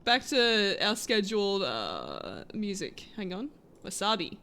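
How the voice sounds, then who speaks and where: A woman's voice: mid-range voice, wildly swooping pitch, slow, a bit bright, clean tone. A woman streaming a roleplay game, chatting casually and giggling often while she plays at home. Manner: giggly, chatty, easily amused. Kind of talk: casual live-stream chat. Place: home room with a vacuum running.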